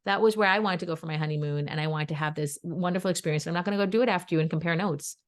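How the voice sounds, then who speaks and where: A woman co-hosting a podcast, telling a personal story in casual chat and acting out what others said. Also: racing. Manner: animated, acts out quoted dialogue in pitched-up voices; chatty and emphatic, addresses listeners as "guys". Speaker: podcast co-host.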